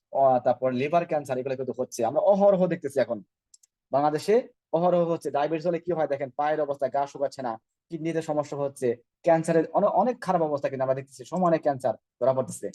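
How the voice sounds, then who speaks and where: A man's voice: mid-range voice, warm tone, dry recording. A man giving an online product training over slides, asking rhetorical questions and checking in with his listeners often. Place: online call.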